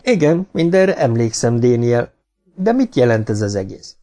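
A man reading an audiobook who voices a skeptical human starship captain asking quick, probing questions. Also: medium pitch, very animated, mellow, natural voice.

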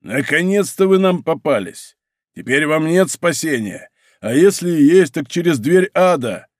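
A man voicing a hot-tempered musketeer in a storybook reading, gruff and threatening. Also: fairly high pitch, lively intonation, measured pace, no echo, studio quality. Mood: gloating.

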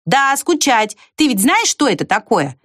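A woman's voice: on the high side, big pitch swings, measured pace, fairly bright tone, dry recording, clean studio sound, pitched above the performer's own voice, heavily acted. A woman doing a fussy, reasoning little ant. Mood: explaining. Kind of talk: storybook voice acting.

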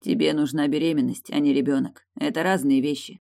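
A woman reading an audiobook voices a restrained, serious young man, measured and firm. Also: low voice, fairly even intonation, gravelly, warm tone.

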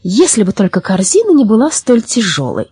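Little Baba Yaga, a husky sly young witch, voiced by a woman. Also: fairly high pitch, very animated, moderate pace, a little mellow, no room sound, clean studio sound, voice pushed up. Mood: sly sweet. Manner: sweet, coaxing, slyly playful. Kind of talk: storybook reading.

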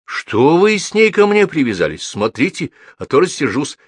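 A man's voice: a little high, very animated, normal speed, husky, no room sound, studio quality, pitched above the performer's own voice. Man reading as a stern older nun. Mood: gentle. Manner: reproachful, pious. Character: stern elderly nun, a mother superior.

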